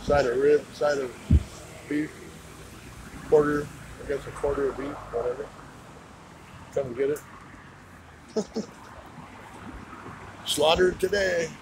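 Slow and pausing often, a slightly high-voiced Idaho man narrates a walking tour along a town roadside, filmed on his handheld phone. His chat is casual and laid-back, and the outdoor recording carries clear traffic noise, passing cars and street ambience.

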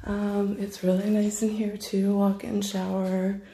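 Creaky-voiced woman giving a room tour. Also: mid-range voice, monotone, unhurried, warm tone, a little hiss or hum. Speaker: vlogger. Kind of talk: casual room-tour vlog chat. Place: hotel suite indoors. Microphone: handheld phone.

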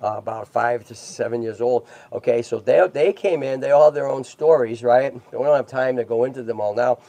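Gravelly-voiced man chatting on a livestream. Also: medium pitch, brisk, warm tone, no echo. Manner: chatty, keeps checking in with "right?" and "okay?". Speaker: host of a tortoise rescue livestream. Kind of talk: casual livestream chat.

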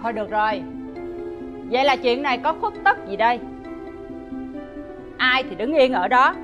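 A woman's voice: a little high, animated, moderate pace, muffled recording, lightly acted. An actress playing a stern, commanding mother-in-law who runs a wealthy household, faint music behind. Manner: stern, scolding. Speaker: household mistress.

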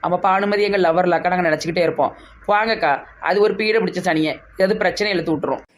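A woman's voice: on the low side, fast, slight background noise. A woman with a Tirunelveli Tamil accent, mocking others in a village comedy sketch.

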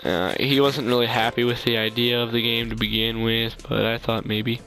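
A man commentating his own gameplay, blurting excitable reactions and jokes at what happens on screen. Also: medium pitch, normal speed, faint music behind. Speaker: gaming commentator. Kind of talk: let's play commentary.

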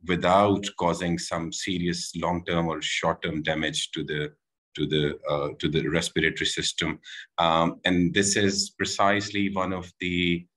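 Deep-voiced man on a video call. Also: fairly bright tone, poor audio. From Pakistan. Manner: measured, with frequent filler "uh" and restarts. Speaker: panel speaker. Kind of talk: panel talk on video call. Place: room at home with window. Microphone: video call, laptop camera.

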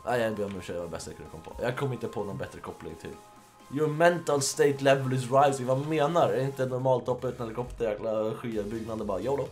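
A man's voice: lowish voice, darkish tone, faint music behind. Joking Swedish gaming YouTuber man. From Sweden. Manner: joking, swearing, quick laughing outbursts. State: slightly under the weather. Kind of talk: casual let's-play commentary.

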